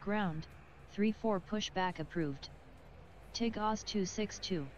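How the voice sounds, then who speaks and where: A woman voicing an airline pilot over the radio, reading back clearances in clipped, formulaic phrases. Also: medium pitch, slow, highs cut off, noisy background. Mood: calm.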